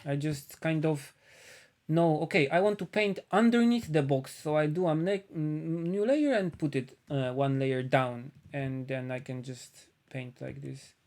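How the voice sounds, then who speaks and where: Painting during a live stream, a man from Poland chats in an easygoing way, musing aloud with many pauses. He speaks with a Polish accent in a slightly high voice with a darkish tone.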